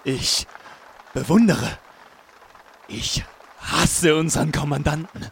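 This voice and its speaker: An actor playing a haunted, guilt-ridden army doctor, narrating his own memories in a brooding, slow audio drama monologue. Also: fairly high pitch, gravelly, slight background noise. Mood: bitter. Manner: brooding, slow inner monologue, breaking into desperate pleading. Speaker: army doctor in a hospital train.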